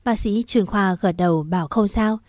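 A woman narrates a first-person story with steady, emotive delivery. Her voice is mellow and warm, and the recording is dry and close. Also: medium pitch, moderate pace, no echo. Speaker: audiobook narrator.

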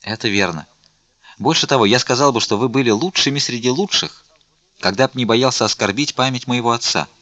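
A man's voice: mid-range voice, fairly quick, sharp tone, dry recording, highs cut off, close to an everyday voice. A man voicing a polite young officer. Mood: courteous. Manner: polite, formal. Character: young courteous male royal officer.

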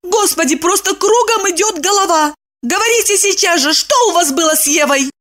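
Brief: a woman reading a young indignant wife in a storybook, shrill and swooping, easily outraged. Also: big pitch swings, measured pace, a bit bright, heavily acted. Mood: agitated. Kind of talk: audiobook dialogue reading.

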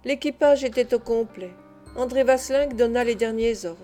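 Woman, audiobook narration, fairly high voice, mellow dark tone, calm measured reading. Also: soft background music. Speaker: audiobook reader. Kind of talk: scripted narration of a classic novel.

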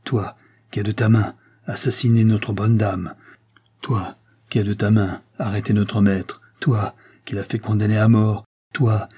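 A man's voice: on the low side, mellow, husky. A man voicing a stubborn, grim Breton servant with a grave, menacing manner.

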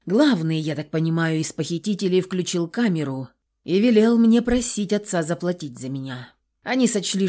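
A woman's voice: lowish voice, mellow. A woman narrating an audiobook in the first person, with a tense, dramatic delivery.

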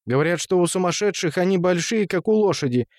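Man putting on shrill indignant women. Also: expressive, fast talker, darkish tone, no room sound, studio quality. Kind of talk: audiobook character voice.

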